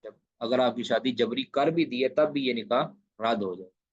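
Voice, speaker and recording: A man's voice: medium pitch, slightly rough, dry recording. A man teaching an online Islamic studies lecture, translating Arabic hadith line by line and stressing key phrases. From Pakistan. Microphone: video call. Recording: dull lo-fi online class audio.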